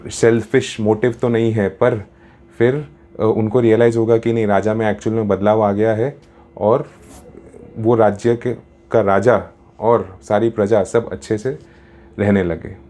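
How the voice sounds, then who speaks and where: A man's voice: on the low side, flat delivery, measured pace, mellow. A man telling a story in a casual, chatty way, mixing in English words, as a storyteller and happiness coach.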